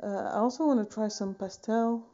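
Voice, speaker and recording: Recorded indoors by a phone camera sitting at desk distance, this thirtysomething painting vlogger from Switzerland chats loosely about her artwork among wooden shelves in her home studio. She speaks in a fairly high pitch at a moderate pace, rambling with lots of fillers and little corrections, like a relaxed tutorial. The sound is dull.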